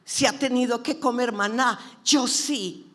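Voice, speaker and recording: A woman preacher giving a sermon, moving between hushed whispers and loud shouted declarations, and mixing in her own testimony. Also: a little high, a little slow. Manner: personal testimony.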